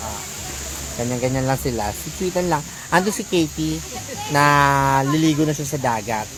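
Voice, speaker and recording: Slow-talking Filipina vlogger greeting viewers. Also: female voice, deep voice, slight background noise. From Philippines. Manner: chatty, reads out viewer names and shout-outs. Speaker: vlogger on a livestream. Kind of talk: casual livestream chat, greeting viewers by name. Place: outdoors on a beach island.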